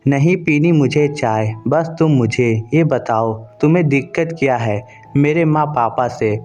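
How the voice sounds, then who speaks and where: A man's voice: mid-range voice, unhurried, faint music behind, close to an everyday voice. A man voicing an angry young husband. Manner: shouting, accusing. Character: angry young husband accusing his wife.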